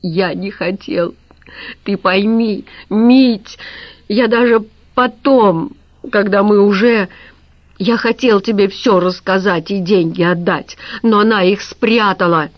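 A woman voicing a weak, guilty man who confesses through tears, halting and apologetic. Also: medium pitch, steady tone, no room sound, lightly acted. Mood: tearful. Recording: dull lo-fi recording.

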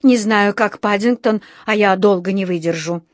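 A woman's voice: mid-range voice, moderate pace, dry recording, clean studio sound, natural voice. A woman voicing an anxious, caring mother who speaks in a worried, hesitant way, in a storybook reading.

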